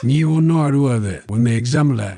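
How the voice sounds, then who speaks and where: A man's voice: medium pitch, normal speed, mellow, slight background noise, lightly acted. A man playing a mysterious bald stranger who soothes a crying boy and promises him magic. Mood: coaxing.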